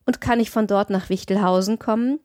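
A woman's voice: medium pitch, steady tone, fairly quick, darkish tone, dry recording, clean studio sound, lightly acted. A woman voicing a cheerful young male painter on foot, speaking in a friendly, teasing, earnest way in her own voice.

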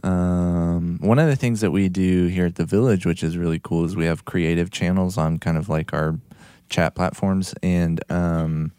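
A low, smooth-voiced man chats casually as a podcast co-host, often stopping on fillers. The sound is close and dry, with no room around him. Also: steady tone, normal speed, hardly any pauses, dark tone, no room sound. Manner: hesitant, many fillers. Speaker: podcast co-host, church communications staff. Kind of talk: casual chat.

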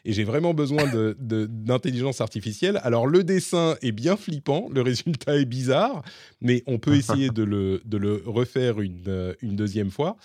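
A male podcast host talks through new tools in a relaxed, chatty way. His voice sits at an ordinary pitch. The sound is dry and close, with little room around it. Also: dry recording. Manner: explaining and demonstrating tools live, chatty. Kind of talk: casual tech chat.

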